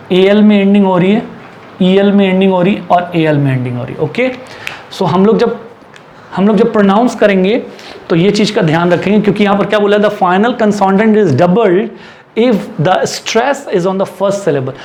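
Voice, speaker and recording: Male Indian English teacher, high voice, slow careful rule-reading, quick explanations, repetitive drilling. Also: a little mellow, a little hiss or hum. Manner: reads English rules slowly and deliberately, then explains quickly in Hindi; repeats and drills words for learners. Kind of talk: classroom lesson mixing Hindi and English.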